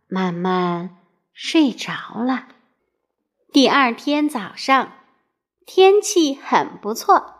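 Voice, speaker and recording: A woman telling a children's storybook aloud, expressive and asking the listener playful questions. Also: on the high side.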